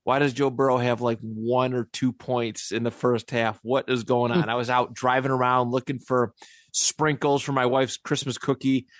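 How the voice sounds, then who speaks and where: A man's voice: mid-range voice, little pitch movement, normal speed, no room sound. Dry-voiced man hosting a sports podcast. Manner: rambling, laughs often. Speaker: podcast host. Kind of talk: casual sports chat.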